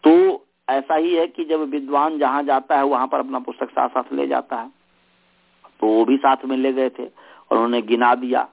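A man teaching a group over a call, telling a story in a slow, measured way while his voice breaks up and cuts out on the line. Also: medium pitch, flat delivery, vocal fry. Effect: voice breaking up and cutting out on the call line. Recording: tinny, dropping-out phone line.

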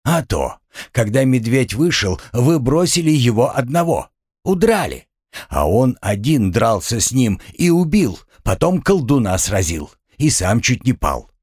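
A man's voice: mid-range voice, sing-song, measured pace, darkish tone, husky, dry recording, studio quality, pitched above the performer's own voice. A man voicing a grumpy, boastful little male sidekick in an audiobook, quarrelsome and full of himself. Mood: grumbling boastful. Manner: quarrelsome, bragging.

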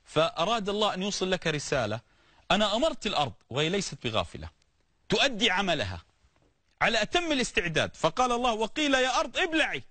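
A man preaching a sermon on the prophets, animated and explanatory, often urging the listener to listen and giving everyday examples. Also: sits high, fast, dry recording.

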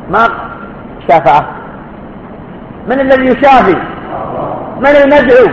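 Guy teaching a religion class, lots of rhetorical questions, roomy echo, faint noise behind. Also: extremely high pitch. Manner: emphatic, rhetorical questions, questions students directly. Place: lecture hall at a study course. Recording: echoey, dull lo-fi hall recording.

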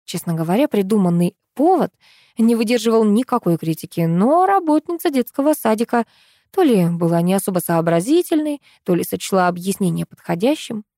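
A woman reading a first-person story aloud as an audiobook narrator, in an even, ironic storytelling manner. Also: mid-range voice, fairly quick, no echo, clean studio sound.

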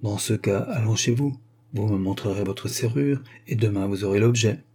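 A man reading an audiobook and voicing a hoarse, cynical male street thug who talks slangy and boastful. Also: lowish voice, normal speed, dark tone. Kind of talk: audiobook character voice.

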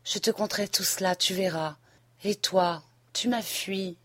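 A woman reading an audiobook and voicing a passionate young wife who pleads and then reproaches, a little higher and louder than her narration. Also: measured pace, breathy edge, no echo. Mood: pleading. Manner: impassioned, rising to reproach. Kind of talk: audiobook reading of a classic novel.

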